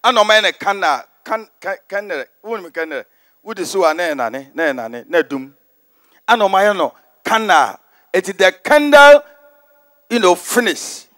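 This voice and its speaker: A man with a Ghanaian accent preaching a forceful, repetitive sermon in a large stadium, mixing in English phrases. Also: high voice, very animated, unhurried. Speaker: prophet preaching.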